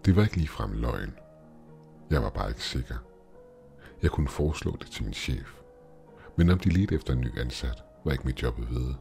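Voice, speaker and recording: A man with an extremely deep, low voice telling a first-person horror story. He reads in a calm, measured way, with faint music running under the narration. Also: gravelly.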